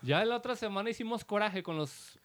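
A man's voice: high voice, lively intonation, fairly quick, a crowd in the background. A man with a Mexican accent co-hosting a podcast, teasing and joking in casual, profane banter. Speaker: podcast co-host. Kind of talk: casual chat.

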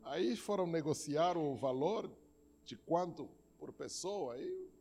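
A man's voice: a little high, lively intonation, slow pace, vocal fry, mellow, faint music behind. A man with a Brazilian Portuguese accent preaching a sermon as pastor, emphatic and repeating words for effect while telling stories.

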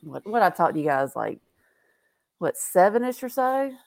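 Co-host: woman, low and gravelly, loose rambling delivery. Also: sing-song, normal speed. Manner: rambling, many fillers like "you know" and "um". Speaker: podcast co-host. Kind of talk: casual podcast chat.

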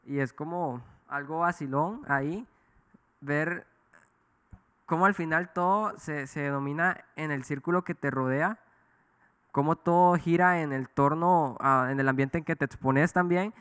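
A man's voice: on the high side, a little slow, a bit bright, clean tone. A man speaking thoughtfully and colloquially in a casual faith conversation.

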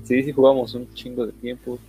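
A man's voice: mid-range voice, little pitch movement, brisk, music in the background, low-quality recording. A young man with a Mexican accent reminiscing casually with a friend, hesitant and often searching for his words.

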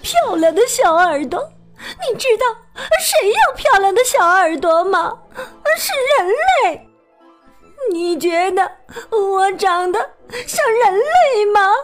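A woman's voice: very high voice, animated, slow pace, soft background music, pitched above the performer's own voice, full character voice. A woman voicing a fragile female hippo in a storybook, who sobs and wails her hurt complaints. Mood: sobbing, wounded. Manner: sobbing, wailing complaints.

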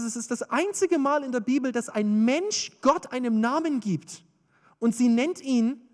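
Preacher with swinging intensity, reverberant hall. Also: male voice, very high voice. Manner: emphatic, swings between loud urgency and hushed intensity. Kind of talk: sermon.

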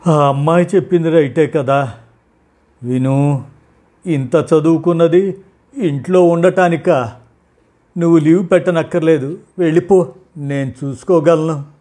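A man voicing a frail elderly father who speaks gently and wearily. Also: a little high, pitched above the performer's own voice, natural voice. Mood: weary. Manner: tired, soft-spoken, slow.

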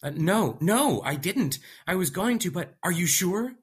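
A man's voice: a little high, sing-song, moderate pace, husky, voice pushed up. A nervous male trespasser who stammers as he pleads his case, his voice raised and tight, as a man acts him out. Read in an audiobook story, anxious and defensive.

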